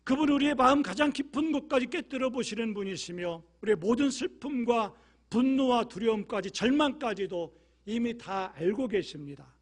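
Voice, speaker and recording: A male pastor delivers a sermon in a high voice. He moves between quiet, low passages and loud, forceful appeals. He voices the prayers he quotes with emotion. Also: animated, normal speed. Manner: swings from hushed, low asides to loud, emphatic appeals.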